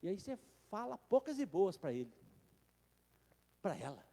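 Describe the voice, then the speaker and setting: A pastor preaching with a very high voice that rings out under a long church reverb. He calls his listeners brothers and talks straight to them. He drops to quiet asides, then rises to loud, urgent exhortation. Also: sing-song, a little fast. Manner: addresses listeners directly as brothers. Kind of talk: sermon.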